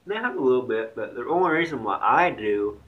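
Brief: young vlogger with a light country twang, blunt and rambling, mid-pitched, muffled lo-fi audio. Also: male voice, expressive, a little fast. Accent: slight Southern country accent. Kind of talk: casual vlog rant.

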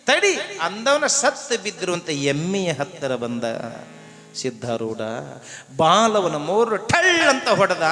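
A man's voice: high voice, fairly bright tone. A man telling a devotional story, dramatic and sing-song, acting out the characters' lines. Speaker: purana storyteller. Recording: long hall reverb with faint music.

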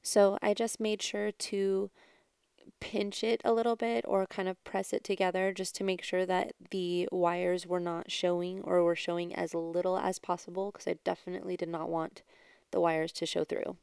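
A woman giving a casual, chatty do-it-yourself voice-over as a craft vlogger, with a creaky yet smooth voice. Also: fairly low pitch, flat delivery, moderate pace, darkish tone, dry recording, studio quality. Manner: chatty, informal. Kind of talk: casual DIY voice-over narration.

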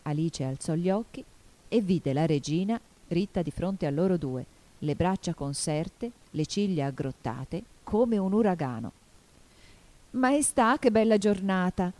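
A woman reads a storybook aloud with a low, mellow voice. Her delivery is expressive and measured, with lively swings of pitch. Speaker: audiobook reader. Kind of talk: storybook narration.

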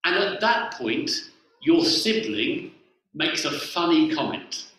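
A forties-aged vicar, very animated and taking a slow pace, steers his congregation through games in a playful sermon for all ages. His fairly high voice is a bit bright. The echoey church hall with a lectern is recorded from afar by a camera resting on the floor.

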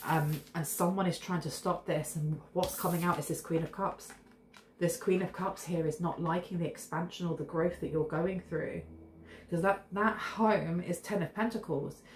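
A tarot reader in her thirties does a casual reading to camera in her home kitchen, sniffling with a cold. Her lowish voice stays steady at a moderate pace, chatty and intuitive with rambling asides, in an echoey room with faint hiss.

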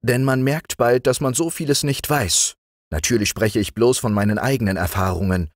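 A man voicing a modest, devoted green frog in a storybook reading, speaking gently. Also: mid-range voice, moderate pace, dry recording, studio quality, voice pushed up, lightly acted. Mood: gentle.

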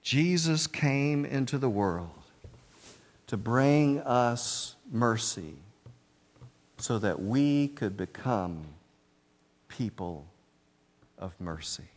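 A man preaching from a church pulpit, unhurried and deliberate. His mid-pitched voice rings out into a sanctuary with long reverb. He tells stories and sinks to a near hush on the solemn lines. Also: expressive. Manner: storytelling, dropping to a hush on solemn points. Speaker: pastor. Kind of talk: sermon.

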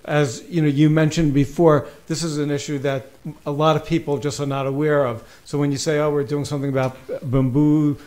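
A man's voice: on the high side, level tone, fairly quick, hardly any pauses, a little mellow. A man on a town board, speaking hesitantly with fillers in an apologetic, acknowledging manner. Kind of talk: meeting remarks.

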